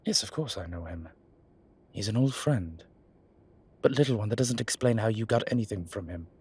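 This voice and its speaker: A voice actor plays an exasperated, protective male vampire in an ASMR roleplay drama, sounding dry-witted and world-weary. His fairly low voice is animated, a little mellow, and slightly rough, at a moderate pace. He scolds with a sardonic edge.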